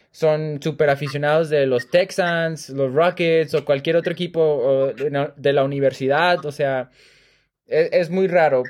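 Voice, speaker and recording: A man, co-hosting a casual soccer chat podcast in a relaxed, chatty way with lots of fillers. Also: fairly high pitch. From Monterrey, Mexico. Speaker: podcast co-host.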